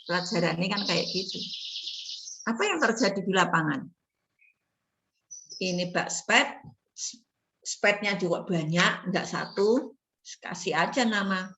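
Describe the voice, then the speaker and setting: A middle-aged woman, a nursing lecturer telling stories in a casual, animated class talk full of rhetorical questions. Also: medium pitch, unhurried, pauses often, low-quality recording. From Indonesia. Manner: chatty, animated storytelling with laughs and rhetorical questions.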